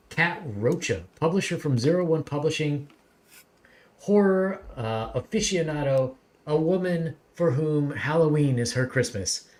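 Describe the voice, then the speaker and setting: Chatty male livestream host. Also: on the high side. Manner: relaxed, chatty, plugs upcoming streams. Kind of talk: casual livestream interview.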